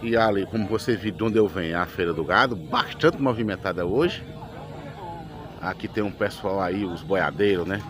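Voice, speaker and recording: A man's voice: deep voice, moderate pace. A man with a Pernambuco accent, a vlogger giving a casual guided tour of an outdoor cattle and feed market, chatting to viewers. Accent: Pernambuco Portuguese. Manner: chatty, addresses viewers, thanks people often. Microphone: camera held by the speaker. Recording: lively crowd around outdoors.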